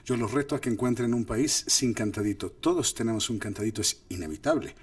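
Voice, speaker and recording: Animated man teaching acting. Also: mid-range voice, fairly quick. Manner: animated, demonstrates lines with exaggerated voices. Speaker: host and filmmaker teaching acting. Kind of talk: casual masterclass talk. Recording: distant mic, dry sound.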